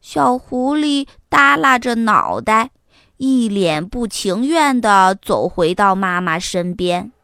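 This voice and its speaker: A woman narrating a children's storybook in an expressive, gentle reading-aloud manner. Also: mid-range voice, takes it slowly, clear, resonant tone, no room sound, clean studio sound.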